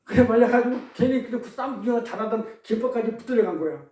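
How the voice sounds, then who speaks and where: Male pastor, high voice, lively call-and-response sermon, distant mic, roomy echo. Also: fast. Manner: questions the congregation, call-and-response; tells pun riddles. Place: church service. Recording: echoey room, distant mic.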